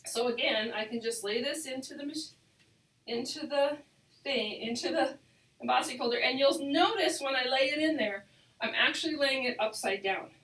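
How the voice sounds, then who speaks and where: A woman's voice: high-pitched, normal speed, a bit bright, breathy edge, rough recording. A middle-aged woman chatting enthusiastically and ramblingly as she hosts a casual live craft tutorial, with a hollow, cave-like off-mic sound. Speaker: crafting host and demonstrator.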